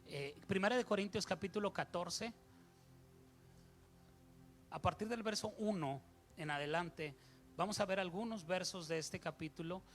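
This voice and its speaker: A man's voice: high-pitched, normal speed, long pauses, soft background music. A middle-aged man, a pastor preaching a sermon, playful and acting out little dialogues. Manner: playful, acts out little dialogues with shifting voices.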